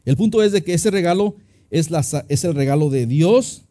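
Dark-voiced pastor preaching casually. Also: male voice, on the high side, expressive, moderate pace. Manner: conversational preaching, acts out anecdotes, many restarts. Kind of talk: sermon.

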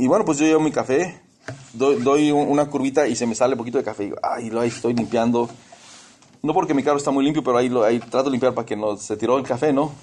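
A man's voice: medium pitch, darkish tone. A man preaching a sermon, telling personal stories, calling listeners brothers and slipping English words into his talk.

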